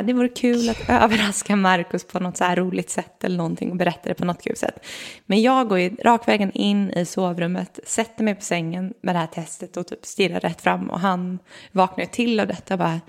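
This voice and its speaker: A young woman telling a personal story in a casual, animated way and acting out what people said. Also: fairly low pitch, creaky. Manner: animated storyteller, acts out quotes. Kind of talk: casual chat.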